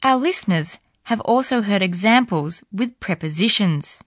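Woman presenting a radio course, mid-pitched. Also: expressive, unhurried, no room sound. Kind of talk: scripted lesson narration.

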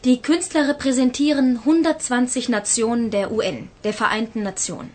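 A woman's voice: a little high, steady tone, normal speed, lightly acted. A woman playing an earnest, courteous project spokeswoman in a scripted interview for a language course. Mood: earnest, informative.

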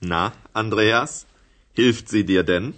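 A man playing a sceptical father questioning his son in a measured way, in a language-course radio drama. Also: on the low side, a bit bright. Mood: doubtful.

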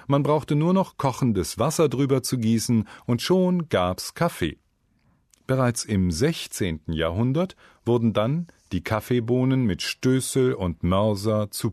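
A man with a low voice narrates an educational script for language learners. He tells it like a story, and his pitch rises and falls a lot. The sound is dry and close, like a studio booth. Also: no room sound. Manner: lively, storytelling delivery. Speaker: narrator of a German learning program.

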